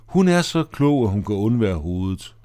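A man reading aloud as a mischievous, playful boy. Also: lowish voice. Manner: playful and excited. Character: mischievous boy who likes to tease.

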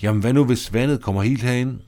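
A man's voice: mid-range voice, mellow, lightly acted. A man voicing a frightened woman who pleads fearfully to go home, in an audio drama. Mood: pleading.

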